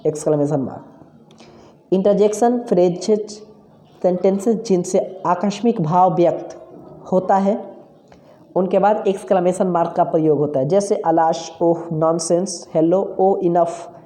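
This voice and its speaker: A woman teaching punctuation in Hindi, repeating each rule and reading examples slowly. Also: lowish voice, dark tone. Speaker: English grammar teacher. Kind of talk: slow dictation-style grammar lesson.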